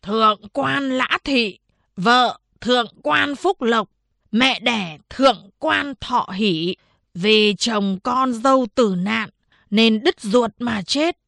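A woman voicing a gruff, scolding old male town chief in an audiobook. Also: a little high, slow, no room sound, clean studio sound, exaggerated voice. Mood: grave. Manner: scolding, shouting.

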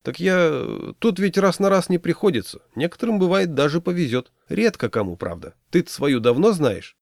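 A man's voice: fairly high pitch, sing-song, moderate pace, gravelly, dry recording, studio quality, pitched above the performer's own voice. A man doing Semyon, a sarcastic, grumbling pal. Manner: sarcastic, drawling. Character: grumpy skeptical man, gloomy joker.

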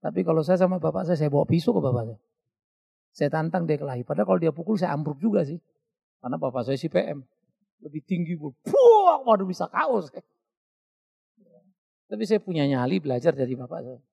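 A middle-aged male pastor, preaching a sermon in a lively storytelling way, mimicking voices and laughing at his own stories. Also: a little high, a little fast, vocal fry, long pauses, slightly rough.

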